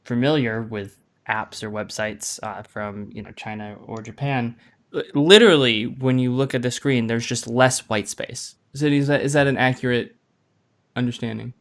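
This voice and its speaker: A man hosting a podcast, asking relaxed, conversational follow-up questions. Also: mid-range voice, moderate pace. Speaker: podcast host. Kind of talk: casual interview chat.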